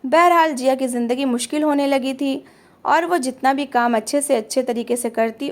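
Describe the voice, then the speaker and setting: High-voiced woman narrating a family story.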